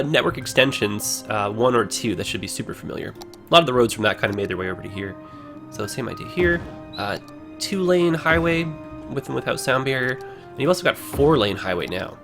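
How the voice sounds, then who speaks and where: On a livestream, a man rambles casually about the game he's playing, packing his talk with fillers. His medium-pitched, slightly bright voice is hoarse, as though he's losing it.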